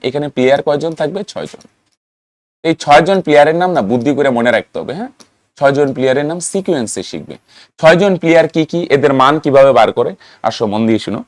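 A man teaching math, asking pupils questions and then answering them himself. He repeats key terms in a sing-song rhythm so they stick. His voice sits a little high, and the recording is dry with no room echo. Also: darkish tone. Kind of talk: classroom-style lesson to students.

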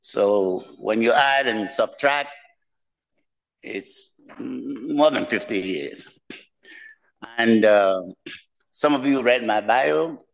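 An older man from Nigeria and Cameroon with a mixed West African accent, giving a slow, humorous keynote speech from a podium in a lecture room. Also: mid-range voice, gravelly, low-quality recording. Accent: West African, mixed from many languages. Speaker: keynote speaker, professor. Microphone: podium mic.

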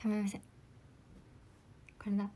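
A young woman, an idol trainee, chatting politely on a livestream and answering viewer comments, often dropping into soft whispered asides. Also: normal speed, very noisy.

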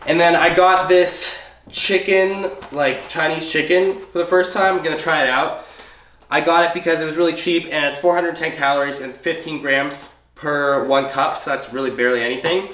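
Speaking at a moderate pace, a young male vlogger with a fairly high, slightly bright voice and fairly even intonation goes through his grocery haul one item at a time. He's congested and clearly unwell but stays chatty and upbeat. The recording is distant, echoey, and noisy, made at home.

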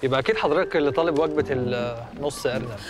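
An eager, starstruck delivery guy from an Egyptian TV comedy, played by an actor. He gushes at a very fast clip, and faint music plays under his lines. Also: mid-range voice, lightly acted. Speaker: Agami, a delivery man and fan.

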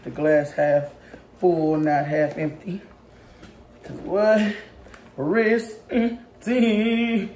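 A young woman hosts a casual home cooking vlog, chatting and teasing her viewers directly while her arm tires from mixing. Her fairly low, dark voice barely moves in pitch, and she speaks extremely slowly with frequent pauses. The home kitchen echoes, with background noise audible.

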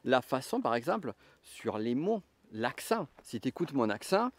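A man's voice: medium pitch, sing-song, moderate pace. A man from southwest France with a southwestern French accent, speaking in a middle-aged voice. He explains personality types to the listener, thinking aloud with frequent hesitations and restarts. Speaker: enneagram coach and trainer. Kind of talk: reflective teaching monologue.

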